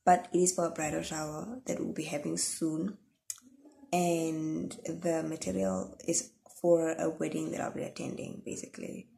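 A tired young woman from Namibia chatting to camera at the end of her vlog. Her voice is low-pitched and gravelly, with a mellow, dark tone. She rambles softly, with plenty of ums and yeahs. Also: level tone, normal speed. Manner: soft, rambling sign-off with many fillers. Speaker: vlogger. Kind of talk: casual chat to camera.

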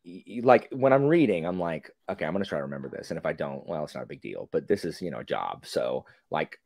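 A podcast guest in his forties chats by video call with animated, rambling energy, frequently interrupting himself. He has a low-pitched voice, captured in clean studio sound without echo.

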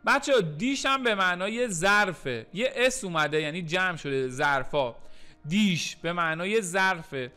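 A man teaching English in a recorded lesson, repeating English phrases slowly and then explaining them, with playful joking asides. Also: high voice, expressive, sharp tone, clear, resonant tone. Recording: faint music underneath.

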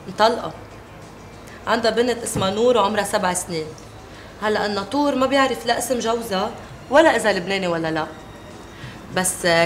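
A woman's voice: mid-range voice, slight background noise, close to an everyday voice. An actress playing a woman reporting gossip, with a Lebanese accent, in a TV drama. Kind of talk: TV drama acting.

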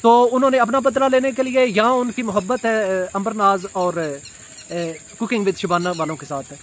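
A man in his thirties giving a casual commentary vlog outdoors beside a brick wall, recorded on a phone camera, pausing often with fillers. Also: high voice. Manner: hesitant, many filler pauses. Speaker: vlogger. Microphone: phone camera at arm's length.

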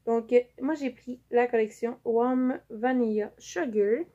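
A woman's voice: a little high, a little slow, dark tone. A young woman with a Quebec French accent, chatting casually through a haul video with many fillers as she shows things to the camera. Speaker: vlogger. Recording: dull lo-fi audio with faint noise.

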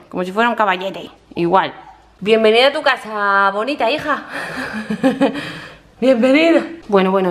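Woman vlogger gushing in baby talk. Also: fairly high pitch. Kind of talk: casual home vlog. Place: home living room.

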